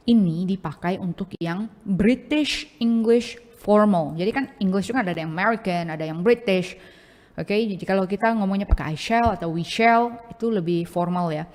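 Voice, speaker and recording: A woman with an Indonesian accent leads a relaxed grammar lesson, talking at a mid pitch. She switches easily between her own language and English and keeps the pace friendly with little fillers. Her voice trails off into a long, hall-like reverb. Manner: chatty, mixes English into explanations, many fillers like oke and ya. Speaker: English teacher. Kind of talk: casual bilingual grammar lesson.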